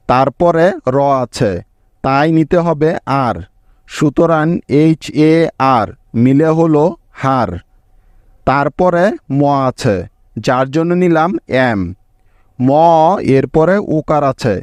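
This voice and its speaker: Male teacher, patient lesson voice, spells letter by letter, slightly high pitch, dry close-miked recording. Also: a little mellow, no room sound, muffled recording. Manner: slow, patient, spells out letters one by one and quizzes the viewer.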